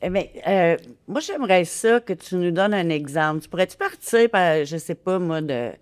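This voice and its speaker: A woman's voice: on the low side, expressive, moderate pace, clean tone. A woman with a Québécois accent hosting a podcast, asking short questions and prompting her guest. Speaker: podcast host. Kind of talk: interviewing.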